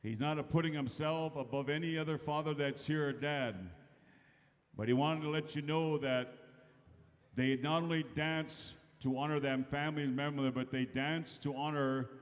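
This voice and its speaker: A man with a fairly high voice announces as a powwow emcee. His words go out over an arena PA and ring with long reverb. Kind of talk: live event announcing over a PA. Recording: echoey arena PA, long reverb, loud music.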